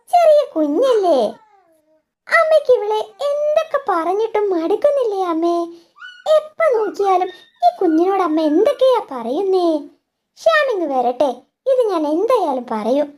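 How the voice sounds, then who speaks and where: A woman's voice: very high-pitched, sing-song, measured pace, darkish tone, exaggerated voice. A woman voicing a worried young mother in a doll story, fretful and soothing. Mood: protesting.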